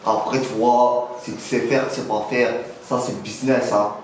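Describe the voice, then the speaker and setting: A man's voice: medium pitch, steady tone, normal speed, close to an everyday voice. A man playing a boastful young neighborhood dealer in a mock interview, rambling in French street slang full of filler words. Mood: boastful, streetwise. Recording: very echoey room, faint noise.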